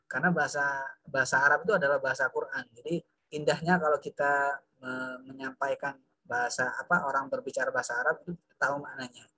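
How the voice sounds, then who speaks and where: Chatty bright-voiced male teacher. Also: on the high side. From Indonesia. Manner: chatty, addresses pupils as "Nak", many fillers. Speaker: religious studies teacher. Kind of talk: online class lesson.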